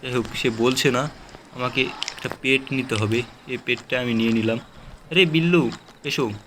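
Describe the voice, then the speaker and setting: A man hosting a gaming channel, chatting excitedly with viewers as he plays. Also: medium pitch, moderate pace, a little hiss or hum. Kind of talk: game commentary.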